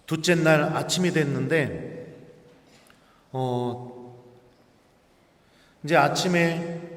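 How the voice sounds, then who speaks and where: Male priest, fairly high voice, lively storyteller, sounds distant in a long-reverb church hall. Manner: animated storytelling, acting out quoted speech. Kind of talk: sermon told as a personal story. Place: large church. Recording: echoey church hall, far from mic.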